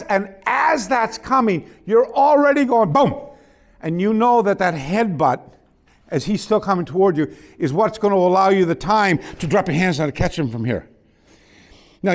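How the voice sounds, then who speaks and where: A man teaching a hands-on martial arts class in a dojo, coaching students with quick commands and laughter. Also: a little high. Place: dojo hall.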